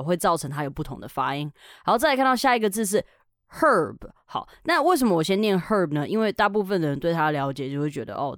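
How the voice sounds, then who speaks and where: A woman's voice: low-pitched, no room sound, studio quality. A woman hosting a podcast English lesson, upbeat and chatty, slipping English words into her talk. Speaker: English teacher and podcast host.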